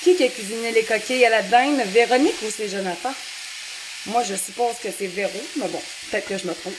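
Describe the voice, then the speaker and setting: A woman's voice: on the high side, a little fast, background noise. A woman in her thirties with a Québécois French accent, chatting with viewers as she cooks during a live stream. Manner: chatty, talks to viewers' comments while cooking. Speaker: home cooking livestream host. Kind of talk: casual live cooking stream chat. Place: home kitchen with a sizzling pan.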